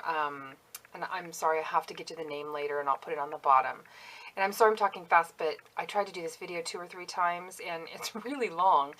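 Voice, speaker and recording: A woman's voice: lowish voice, a bit bright, rough recording. A woman giving a casual show-and-tell walkthrough of her handmade planner, chatty and self-critical, with lots of ums and asides. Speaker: planner crafter vlogger.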